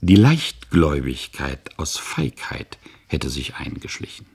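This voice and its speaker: A man reading a literary memoir aloud as scripted narration, with measured delivery. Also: a bass voice, big pitch swings, creaky, a little mellow, slightly rough.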